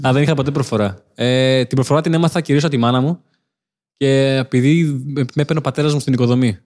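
A young man from Crete sits in as the comedian guest on a casual podcast. He talks in a middle-pitched voice, spinning relaxed stories and breaking into laughter easily. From Crete, Greece.

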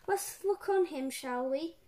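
Playful storyteller reading a children's book aloud; a woman with a high voice and a slow pace. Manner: animated, playful.

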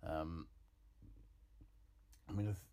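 A man's voice: sits low, fairly even intonation, very slow. A man giving a casual spoken food diary in a wry, rambling, self-mocking way. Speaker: vlogger. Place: chip shop café. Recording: loud background noise.

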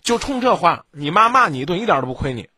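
Lively, bright-voiced blunt man lecturing a caller. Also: a little high, quick pace, husky, dry recording, clean studio sound. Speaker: radio advice host. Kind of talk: late-night call-in advice. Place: radio studio.

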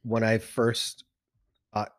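Deep-voiced man telling animated stories. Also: drawn-out words, no echo, studio quality. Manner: animated storyteller, acts out quoted voices. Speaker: podcast co-host. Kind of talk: casual chat.

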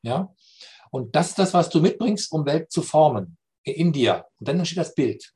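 In a slow, reflective conversation, a man explains spiritual and philosophical ideas, frequently checking in with "ja?" to make sure he's understood. His voice is on the high side, mellow yet animated.

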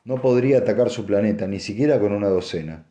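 A tired old commodore with a dry, sarcastic bite, as the male narrator voices him. The voice stays low and mellow, close to the reader's own. It is slow and weary, even when it sounds spiteful. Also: natural voice. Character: aging, tired commodore, sour and sardonic.

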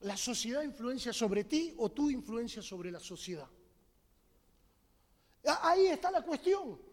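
Male preacher, very high voice, fiery delivery with shouted peaks, long hall echo. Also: very animated, unhurried. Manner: impassioned, bursts into shouted emphasis; tells humorous stories to the congregation. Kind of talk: sermon.

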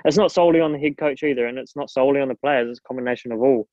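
A man's voice: medium pitch, rapid-fire, darkish tone, dry recording. Slangy man with a broad Kiwi accent, dull audio. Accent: broad New Zealand. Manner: informal, slangy, earnest. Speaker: strength and conditioning coach, guest. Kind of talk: casual interview chat.

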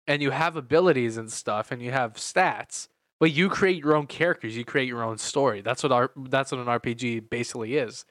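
A man's voice: mid-range voice, brisk, hardly any pauses, a bit bright, no room sound, studio quality. A man co-hosting a casual chat, loose and talkative, often eating while he speaks. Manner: chatty, eats while talking, laughs often. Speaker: podcast co-host.

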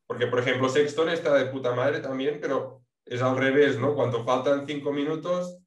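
A man's voice: medium pitch, normal speed, distant mic. A man with an accent from Spain chatting casually about sports in colloquial, sweary language, recorded with an echoey room sound.

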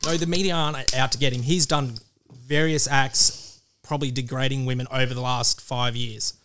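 A man's voice: medium pitch, steady tone, moderate pace, bright, forceful tone. An Australian man giving blunt opinions in casual podcast chat. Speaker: podcast panellist.

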